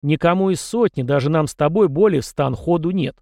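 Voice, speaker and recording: A stern, barking army commander voiced by a man narrating an audiobook, lifting his voice high and loud to berate a foolish youth. The sound is close and dry, with no room around it. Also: brisk, dry recording, close to an everyday voice. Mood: scolding. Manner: barking, scornful, raises voice. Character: gruff middle-aged male army commander, stern scolding mentor. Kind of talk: audiobook character voice.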